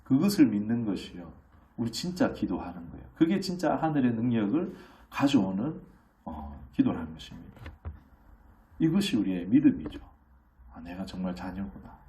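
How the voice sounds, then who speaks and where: Animated middle-aged Korean pastor preaching. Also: male voice, lowish voice, normal speed, recorded from a distance. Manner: animated, acts out children's voices in quotes; conversational, asks the congregation questions. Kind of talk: sermon.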